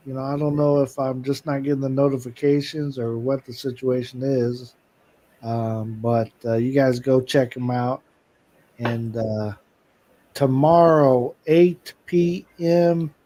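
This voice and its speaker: Man chatting on a live stream, mellow. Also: medium pitch, a little hiss or hum. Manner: chatty, shouts out viewers, many "uh" fillers. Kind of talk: casual live-stream chat.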